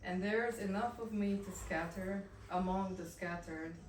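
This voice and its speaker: Speaking not in English, a Bosnian woman gives a poetry reading at a café, introducing each poem quietly and haltingly with fillers in between. Her voice is mid-range, and Bosnian-Croatian-Montenegrin-Serbian is her first language. The audio sounds distant, echoey and roomy, with background noise.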